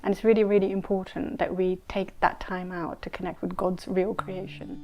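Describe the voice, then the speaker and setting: Her delivery is flat and her voice mid-range, at normal speed, over dull audio with soft background music. She is a middle-aged scholar and mediator, Saudi-born and raised in Kenya and London, who answers interview questions earnestly and emphatically, restating points to stress them.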